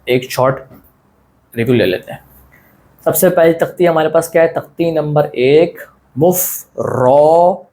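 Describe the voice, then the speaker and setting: A man teaching an online lesson in a relaxed, friendly way, asking questions and answering them himself and often repeating his points. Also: fairly high pitch, moderate pace, pauses often. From South Asia. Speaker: Quran teacher.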